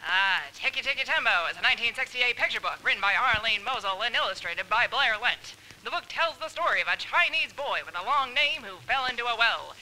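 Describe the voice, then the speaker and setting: A woman's voice: on the high side, expressive, fairly quick, few pauses, bright, forceful tone, slight background noise, poor audio. A woman putting on the voice of a 1930s newsreel announcer while reading a book description aloud, in a brassy, declaiming delivery. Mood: announcing.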